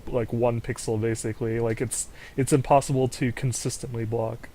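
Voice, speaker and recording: A young man co-casting an esports match, relaxed and quick to react. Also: medium pitch, a little hiss or hum. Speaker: esports co-caster. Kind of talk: casual game commentary.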